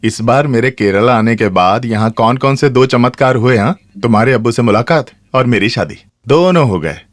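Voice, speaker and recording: A man's voice: medium pitch, lively intonation, moderate pace, close to an everyday voice. A man dubbing a cheerful middle-aged man who teases his family as he leaves, in a film scene. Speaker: lead character in a dubbed film. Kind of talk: dubbed film acting. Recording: film soundtrack with loud music.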